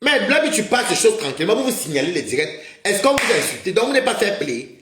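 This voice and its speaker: A man's voice: high-pitched, very animated, quick pace, background noise. Agitated guy ranting on a livestream, mocking his viewers, voice swinging all over, echoey room. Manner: mocking, scolding, repeatedly addresses viewers as maman. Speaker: livestream host. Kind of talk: heated livestream rant to viewers. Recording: roomy echoey sound.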